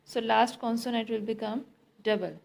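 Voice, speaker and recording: A woman teacher with an Indian English accent, giving a grammar lesson in a slow, deliberate way, quizzing students and repeating answers. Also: a little high, fairly even intonation, gravelly. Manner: mixes Hindi and English.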